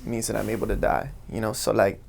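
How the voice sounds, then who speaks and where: Gravelly, laid-back stoner-sounding man. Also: fairly low pitch, little pitch movement, fast talker, darkish tone, a little hiss or hum. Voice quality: gravelly, husky. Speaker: podcast guest. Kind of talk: casual chat, deadpan.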